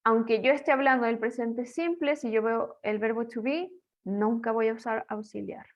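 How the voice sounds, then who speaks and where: A woman explains English grammar to her students in a playful, chatty tone. Her voice sits a little high. The recording is a bit dull and lo-fi, like a home-made online lesson. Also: steady tone, moderate pace. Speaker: English teacher.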